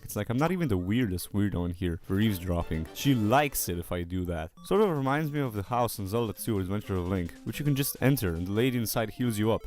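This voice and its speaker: A man delivers a casual, scripted video game review with a very lively, swinging pitch. His manner is sarcastic and joking, and music plays clearly behind his voice.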